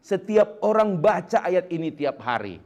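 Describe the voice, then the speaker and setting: Impassioned male preacher, fairly high voice. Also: sing-song, unhurried, dull audio. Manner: impassioned, bursts into shouting. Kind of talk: sermon.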